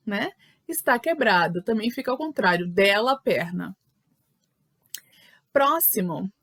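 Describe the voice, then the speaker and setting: A woman's voice: a little high, a bit bright, dry recording. Woman teaching English words. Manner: explains in Portuguese, slows down to model English words. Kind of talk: online English lesson.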